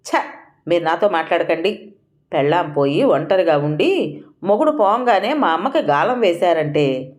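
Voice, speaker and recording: A woman reading an audio story, voicing an angry young adult son who shouts his scorn at his mother. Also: on the low side, sing-song, moderate pace. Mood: furious. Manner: shouting, contemptuous.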